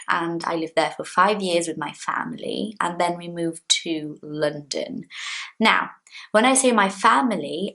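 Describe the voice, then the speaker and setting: A young woman with a low, creaky voice chats to the camera from a small indoor room in her home. Originally from Brazil with Portuguese as her first language, she teaches English and comes across as talkative and expressive, gesturing with her hands.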